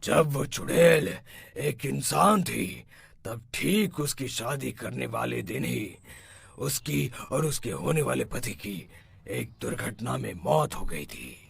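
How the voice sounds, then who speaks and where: A man's voice: medium pitch, huge pitch swings, takes it slowly, creaky, no echo, heavily acted. A man voicing an assured, solemn village occultist in a dramatic cartoon horror story. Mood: ominous. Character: commanding male village occultist who hunts ghosts.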